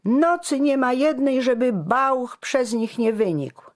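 A man's voice: very high voice, takes it slowly, voice pushed up, heavily acted. A reader voicing an indignant male townsman complaining heatedly to his neighbor. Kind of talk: audiobook character voice.

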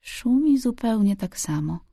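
A woman's voice: on the high side, expressive, a little slow, creaky, warm tone, no room sound, studio quality, pitched above the performer's own voice, heavily acted. A woman reading an audiobook, voicing a sour, contrary little girl with short, sulky replies. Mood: wistful.

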